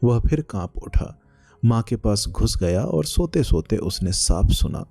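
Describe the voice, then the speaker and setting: A man narrating a literary short story in a slow, measured storytelling manner. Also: fairly low pitch, sing-song, creaky, warm tone, soft background music.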